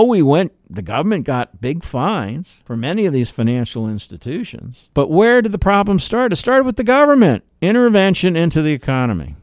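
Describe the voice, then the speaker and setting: A man's voice: a little high, no room sound, clean studio sound. A middle-aged man from the United States hosting a political commentary monologue, emphatic and full of rhetorical questions. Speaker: radio talk show host.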